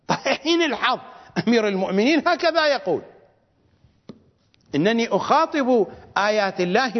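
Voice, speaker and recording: A man with an Iraqi Arabic accent giving a religious lecture as a cleric, fiery and scornful, repeating phrases for stress. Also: sits high. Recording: reverberant dull lo-fi recording.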